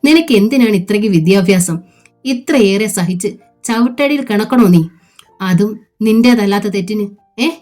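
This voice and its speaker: A woman's voice: medium pitch, lively intonation, normal speed, long pauses, a little mellow, soft background music, pitched above the performer's own voice, natural voice. A woman reading a novel aloud, voicing a fierce, protective elder sister who scolds firmly. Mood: scolding.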